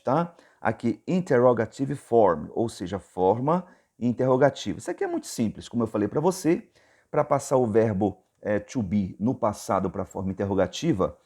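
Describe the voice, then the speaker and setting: A man's voice: fairly low pitch, a little mellow. A man with a Brazilian Portuguese accent, teaching English grammar. He talks patiently, repeats his points and keeps checking in with the viewer. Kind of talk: explaining grammar on a board.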